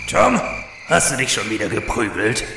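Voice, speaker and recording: A man playing a stern, pompous schoolteacher with a gravelly voice, scolding in an audio drama. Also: lowish voice, very animated, normal speed. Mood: irate, scolding. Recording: echoey, noisy scene with insect ambience.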